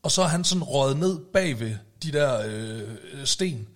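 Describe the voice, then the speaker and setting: A man telling a story in casual podcast chat, acting out shouted quotes. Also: mid-range voice. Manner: animated, acts out shouted quotes.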